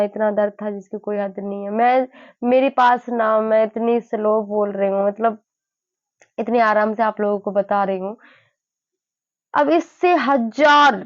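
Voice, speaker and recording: A woman in her early twenties sharing her grief in a personal vlog. She sounds weary and low, halts often, and repeats herself. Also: no room sound. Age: early 20s. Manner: halting, repeats herself, many fillers. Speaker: vlogger. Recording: dull lo-fi dry sound.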